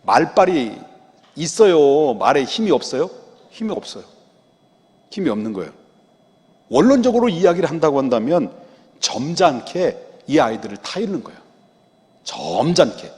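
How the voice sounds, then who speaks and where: A male pastor delivers an emphatic sermon, repeatedly firing rhetorical questions at his congregation. His voice sits a bit high and leaps widely in pitch. The church sanctuary adds a long, ringing reverb. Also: sing-song, normal speed, pauses often, a little mellow. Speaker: senior pastor. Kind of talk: expository sermon.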